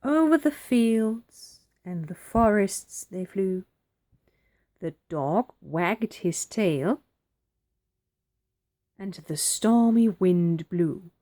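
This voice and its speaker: A woman reading a children's picture book aloud, with expressive, dramatic pauses. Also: mid-range voice. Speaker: storybook reader.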